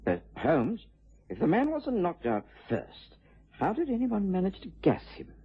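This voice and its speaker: An actor playing an obliging, bluff English gentleman doctor in a vintage radio drama, with a hesitant, exclamatory manner. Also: sits high, huge pitch swings, unhurried, breathy edge, exaggerated voice. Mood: puzzled. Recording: muffled old radio drama recording.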